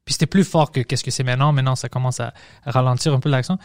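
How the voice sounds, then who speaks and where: Un homme qui anime un podcast en conversation détendue, jurant volontiers et glissant des mots anglais dans son français. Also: male voice, mid-range voice, steady tone, rapid-fire, no room sound, clean studio sound. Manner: casual, swears freely, mixes English words into his French. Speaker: podcast host. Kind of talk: casual conversation.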